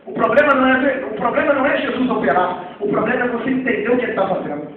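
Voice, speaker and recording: A man with a Rio de Janeiro Portuguese accent preaching a Pentecostal sermon, swinging from hushed asides to shouted exclamations. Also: extremely high pitch, rapid-fire, phone-quality sound. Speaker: pastor. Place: church hall. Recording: echoey, far-off hall recording with faint noise.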